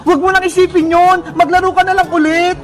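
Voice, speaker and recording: A voice actor playing a loyal, protective girl in a cartoon, firm and reassuring, with loud music behind. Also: very high-pitched, little pitch movement, fast, some chatter behind.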